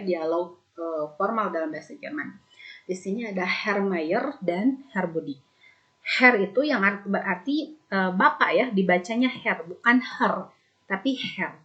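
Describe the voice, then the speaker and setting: Female teacher explaining a lesson at an unhurried pace; recorded with a dull, lo-fi sound. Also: mid-range voice, a bit bright. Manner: reads dialogue lines aloud in a raised, livelier voice. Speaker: German teacher.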